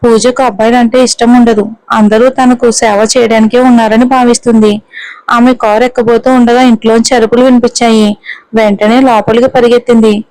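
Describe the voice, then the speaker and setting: A woman narrating a story in a steady, even reading manner. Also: on the high side, brisk, no echo, poor audio. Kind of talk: scripted narration.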